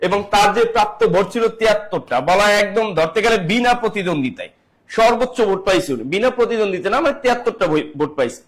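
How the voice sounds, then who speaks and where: A man with a Bangladeshi accent teaches an online exam-prep class. His voice sits high. He fires questions at listeners and repeats each answer. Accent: Bangladeshi Bengali.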